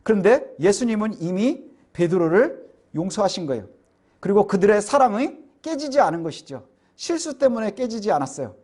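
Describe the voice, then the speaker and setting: A male pastor delivers a Sunday sermon in a very high-pitched voice. He explains earnestly and keeps turning to the congregation with rhetorical questions. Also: big pitch swings, normal speed, a little mellow.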